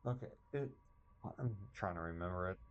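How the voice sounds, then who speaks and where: A man's voice: low voice, expressive, normal speed, highs cut off. A young man co-hosting a podcast in casual chat, teasing his co-host and joking.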